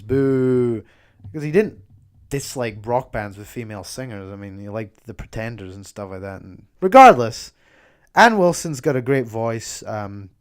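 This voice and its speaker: Enthusiastic young man talking casually. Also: medium pitch. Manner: enthusiastic, swears casually, frequent ums and restarts. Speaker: podcast host. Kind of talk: casual monologue.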